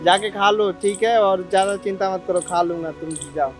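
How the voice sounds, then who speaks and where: A man's voice: high-pitched, fairly even intonation, normal speed, soft background music, lightly acted. A man playing an irritable, overworked young husband who snaps curtly at his wife. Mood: softened. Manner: curt, exasperated. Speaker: actor in a comedy skit.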